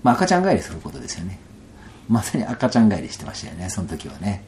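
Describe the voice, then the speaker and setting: A man with a Kansai accent telling a personal story in a casual interview, animated and laughing often, sometimes dropping to soft asides. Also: low voice, quick pace, a little hiss or hum. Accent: Kansai Japanese.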